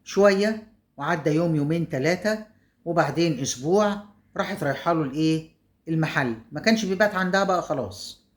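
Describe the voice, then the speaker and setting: A woman's voice: low voice, animated, fast talker. Chatty Egyptian woman telling a story. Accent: Egyptian Arabic. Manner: chatty, with asides to viewers. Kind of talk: casual spoken storytelling.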